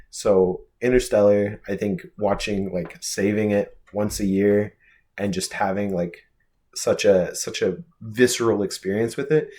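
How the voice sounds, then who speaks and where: A young man with a lowish voice co-hosts a casual podcast chat. He talks emphatically and tacks "dude" onto many of his points. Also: warm tone. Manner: emphatic, says "dude" often. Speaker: podcast co-host.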